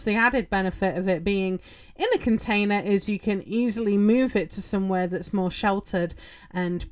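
A woman's voice: medium pitch, a little mellow. A woman hosting a gardening podcast, talking casually in a chatty, rambling way with lots of ums and you-knows. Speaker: podcast host. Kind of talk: casual solo podcast talk.

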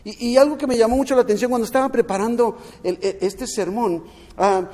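A man's voice: very high voice, steady tone, a little fast, warm tone. A man preaching a sermon as pastor, earnest, often repeating words and restarting. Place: at home, streamed during lockdown. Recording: long hall reverb.

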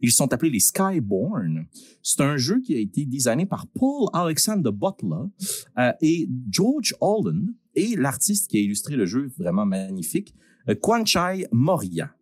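A Québécois man hosting a live giveaway in a booming prize-announcer manner, informal and joking, with some swearing. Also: huge pitch swings, measured pace, a little mellow, breathy edge, no echo. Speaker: host of a live-streamed prize draw.

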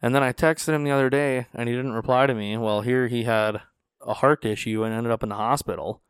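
Speaking a bit quickly in a mid-range voice, this podcast host from North Dakota chats casually and tells stories, bringing quoted people to life with animated impressions. His tone is clean and the recording dry, captured on a studio podcast mic in a small studio.

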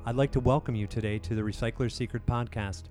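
A man's voice: mid-range voice, steady tone, fast, darkish tone. A man delivering a scripted podcast introduction as its narrator. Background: music under the voice.

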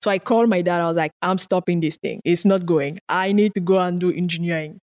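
An earnest woman from Cameroon, French being her first language, talks at a quick pace in a fairly low, slightly mellow voice. She is a guest research scientist giving conversational interview answers, storytelling sincerely with the occasional laugh and repeated word.

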